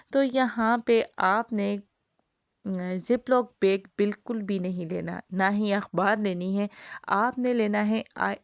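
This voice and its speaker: A woman with a sore throat hosts a cooking channel, voicing over her home kitchen tutorial and chatting directly to viewers as she explains each step. Medium in pitch and a little mellow, her voice carries vocal fry, and the clean studio recording has no room sound.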